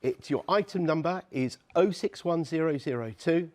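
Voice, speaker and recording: A man presenting products on a TV shopping show, speaking straight to viewers in a warm, persuasive, confiding way during an unscripted sales demonstration. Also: on the high side, expressive, normal speed.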